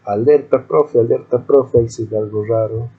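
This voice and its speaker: A man's voice: medium pitch, normal speed, breathy edge, narrow, tinny audio, lightly acted. A man doing an eager young student calling out. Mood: urgent. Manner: urgent questioning. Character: eager young male student raising an alarm.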